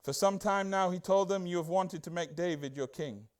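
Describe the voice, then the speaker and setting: A man preaching a casual Bible-study sermon as a church pastor, chatty and excitable, full of rhetorical questions and asides. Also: high-pitched, moderate pace, clean tone.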